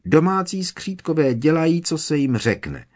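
A man voicing a tiny, servile female house-elf with a squeaky, trembling voice, reading a storybook. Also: sing-song, a little mellow. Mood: anxious. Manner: fearful, deferential, keeps saying sir.

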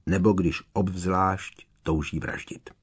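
A man voicing a stern, calm old headmaster. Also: low-pitched, slightly rough. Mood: cold. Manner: cold, measured, firm. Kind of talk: audiobook character reading.

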